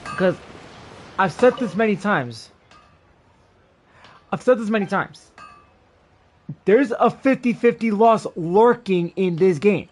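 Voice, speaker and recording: Slow and expressive, with long pauses, a high-pitched man chats his way through a game livestream. Game music runs underneath as he rambles and repeats himself.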